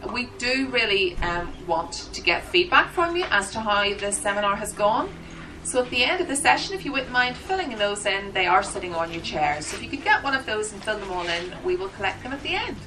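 A woman with a mid-pitched voice interprets aloud for a seminar. She delivers announcements to the room in halting, separate phrases. The microphone sits some way off, and there is faint noise in the background. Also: sing-song, far from the mic. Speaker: sign language interpreter voicing the signers. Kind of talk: spoken interpretation of a seminar introduction. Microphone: microphone at the front of the room.

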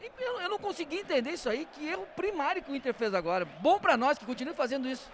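Animated, high-pitched man analysing football. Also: rapid-fire, a little hiss or hum.

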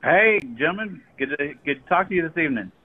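A man's voice: on the high side, animated, fast talker. Man on a clipped phone line. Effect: clipped phone line with bad connection. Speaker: golf teaching pro, guest. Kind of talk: casual radio call-in chat. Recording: noisy tinny phone line.

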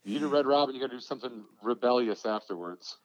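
A man's voice: mid-range voice, fast, no room sound, muffled recording. A man co-hosting a podcast, chatting casually and throwing in wisecracks. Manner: wisecracking interjections. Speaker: podcast co-host. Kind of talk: casual chat.

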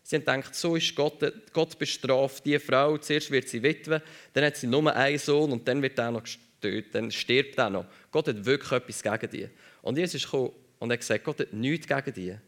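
Gravelly preacher. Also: male voice, medium pitch, normal speed, a bit bright. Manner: emphatic, repeats phrases for stress. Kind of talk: sermon.

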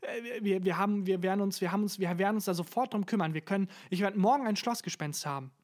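A narrator voicing a nervous young male intern who stammers and rushes his words in a storybook reading. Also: mid-range voice, lightly acted. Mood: flustered. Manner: stammering, hurried.

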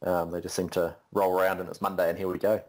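A man with a very low voice co-hosts a podcast in a relaxed, joking way. He explains things loosely, leaning on filler words. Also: quick pace. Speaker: podcast co-host. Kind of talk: casual podcast chat.

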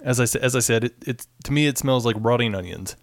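A man's voice: medium pitch, quick pace, no room sound. Male co-host, dry teasing delivery, closely miked. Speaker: podcast co-host. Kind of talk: casual chat.

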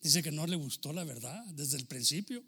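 A man preaching a sermon as pastor, swinging between loud exclamations and low asides. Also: animated, moderate pace, creaky, slightly rough.

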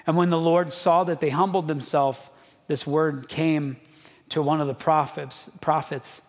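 A man's voice: on the high side, steady tone, unhurried. A man preaching a sermon as a pastor, casual and fervent, with slangy asides. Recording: long reverb of a large hall.

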